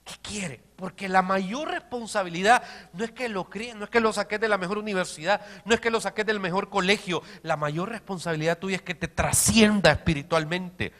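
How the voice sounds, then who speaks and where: Man, pastor, sermon, bright tone, somewhat high voice, shifts from soft to loud emphasis. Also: fairly quick, few pauses. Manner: dynamic preaching, swinging from soft to shouted emphasis.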